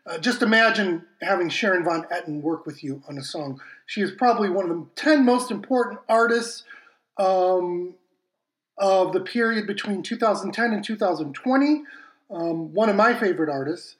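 A man's voice: sits high, normal speed. Man talking through a heavily echoing broken mic. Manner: rambling, apologetic, self-deprecating, many fillers. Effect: echoey reverberating sound from a broken mic setup. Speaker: music podcast host. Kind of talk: casual chat introducing songs. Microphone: faulty home podcast mic. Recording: heavy echo from a broken mic setup.

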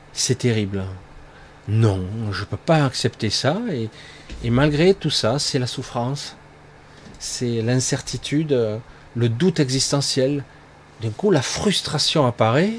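A man's voice: mid-range voice, slight background noise. A man giving a loose spoken monologue on spiritual growth, rambling with lots of fillers and tag words. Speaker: spiritual speaker.

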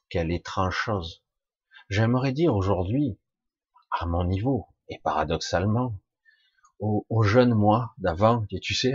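A man's voice: low voice, breathy edge, no room sound, highs cut off. A man in his fifties musing casually to the camera in a reflective personal monologue, with swearing and filler sounds. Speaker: speaker addressing viewers on camera.

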